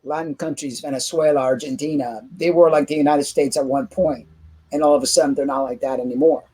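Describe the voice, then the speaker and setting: Husky high-voiced man from Cuba. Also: steady tone, fairly quick, a little mellow. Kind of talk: casual panel discussion.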